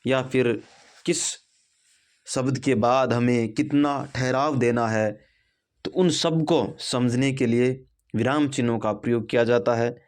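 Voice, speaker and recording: A man's voice: medium pitch, steady tone, slow, smooth. A man teaching a Hindi grammar lesson, explaining step by step with example sentences. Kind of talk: classroom lesson.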